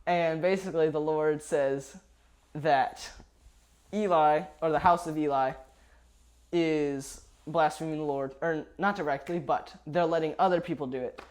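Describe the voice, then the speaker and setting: A young man with a drawl talks through a Bible story among friends on a podcast. His voice sits a little higher than most men's, and he stops often to restart his sentences. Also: steady tone, a little slow. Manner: rambling, hesitant, many fillers and restarts. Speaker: podcast co-host. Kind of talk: casual chat, summarizing a Bible chapter.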